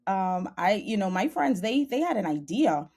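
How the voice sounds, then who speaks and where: A woman's voice: medium pitch, very animated, moderate pace, a little mellow. A young adult woman with a Bahamian accent, a podcast guest speaking earnestly and passionately about her journey, over a video call. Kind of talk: podcast interview.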